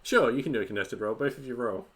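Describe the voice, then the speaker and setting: A man's voice: medium pitch, quick pace, a bit bright. A man narrating as game master of a tabletop game, stammering and repeating words as he goes.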